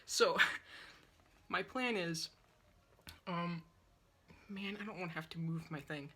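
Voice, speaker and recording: Here the woman, a young art vlogger, talks slowly in a lowish, somewhat bright voice, with a little background noise in the recording. She's at home in a small yellow room, painting and chatting in a rambling, self-deprecating way to her phone on a tripod nearby, her sore, dry throat making her sound wheezy.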